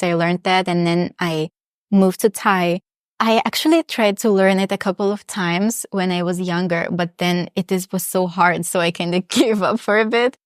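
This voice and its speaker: A young Russian woman, a polyglot appearing as an interview guest, chats reflectively in a lowish voice, with many restarts and small laughs. The studio-quality audio has no room sound.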